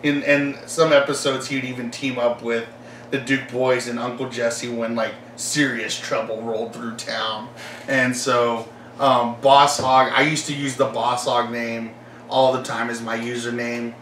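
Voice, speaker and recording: A man's voice: mid-range voice, little pitch movement, unhurried, a bit bright, reverberant, distant mic, a little hiss or hum, low-quality recording. A young man rambling casually about his collection, full of fillers and enthusiasm. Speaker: collector vlogger.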